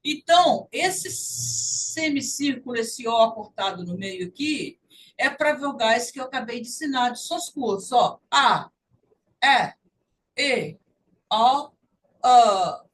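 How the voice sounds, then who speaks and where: Slow, high-voiced Brazilian woman teacher. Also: animated, a bit bright, far from the mic, low-quality recording. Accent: Brazilian Portuguese. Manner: patient, repeats sounds slowly to demonstrate. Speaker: language teacher. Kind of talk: online English lesson.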